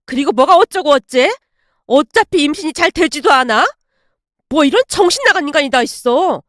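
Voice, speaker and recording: A woman voicing a sharp-tongued middle-aged mother who scolds and shouts at her daughter-in-law, in a dry close recording. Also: sits high, very animated, normal speed, dry recording. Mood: furious.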